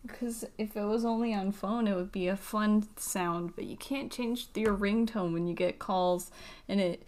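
A woman's voice: medium pitch, fairly even intonation, measured pace, a little mellow. A woman co-hosting a casual podcast chat, chatty, drifting into rambling asides. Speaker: podcast co-host. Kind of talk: casual chat about a cartoon.

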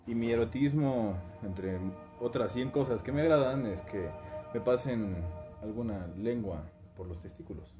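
A man's voice: medium pitch, measured pace, music in the background. Joking young man introducing himself. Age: 20s. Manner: joking, offhand. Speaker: guest. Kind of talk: casual self-introduction.

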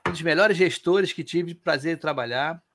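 A man hosting a casual live stream, reading viewer comments aloud with lively asides. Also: fairly high pitch, moderate pace, noisy background. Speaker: host.

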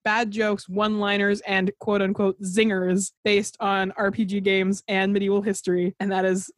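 This is a young woman hosting a relaxed podcast, chatting and giggling as she tells stories. Her voice sits in a middle range. The recording is dry and close, with no room sound. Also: medium pitch, moderate pace, no room sound. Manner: chatty, giggly, lively storytelling. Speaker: podcast host. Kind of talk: casual podcast chat.

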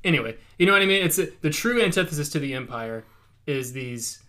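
A man's voice: a little high, lively intonation, fairly quick, sharp tone. A man co-hosting a casual talk show, earnest and given to trailing off and restarting. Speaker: podcast co-host. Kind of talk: casual chat.

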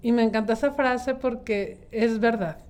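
A woman's voice: on the high side, normal speed, a little mellow. A woman in her thirties with a Mexican accent, talking reflectively and rambling with many fillers in a casual group chat.

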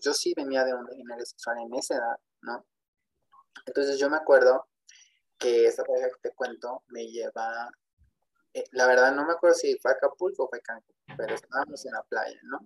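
This is a man, speaking as a guest on a podcast. His voice sits at a middling pitch for a man. He tells a personal faith story earnestly, repeating words and often adding little tag questions. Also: rough recording.

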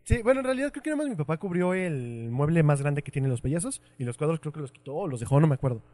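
A young man with a Mexico City accent trades slangy jokes as a podcast co-host, talking at a quick clip. His voice sits a little high, and the recording is dry and close. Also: animated, warm tone, dry recording. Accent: Mexico City Spanish. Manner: slangy, joking, laughs often. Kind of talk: casual chat. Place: home.

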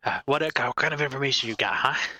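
A man's voice: medium pitch, fast talker, pushed and bright, no room sound. A man doing a cursing, grumpy ancient man. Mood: grudging. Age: older. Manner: cursing, gruff, stammering grunts. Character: crude grumpy ancient man, over a hundred.

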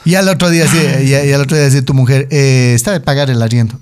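A man's voice: mid-range voice, fairly even intonation, fast talker, darkish tone, clean tone, faint music behind. A young man, co-hosting a podcast in casual, teasing banter and often restarting his phrases. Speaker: podcast co-host.

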